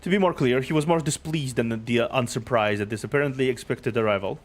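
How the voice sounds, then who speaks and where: A man's voice: medium pitch, fairly quick, soft background music. A man casually narrating a game and reading its dialogue aloud as a streamer.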